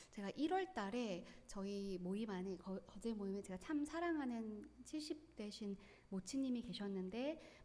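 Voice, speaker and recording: A woman's voice: on the high side, warm tone. A woman in her forties with a Gyeongsang accent, giving an earnest, emotional personal testimony at church. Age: 40s. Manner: earnest, tearful, quick bursts of feeling.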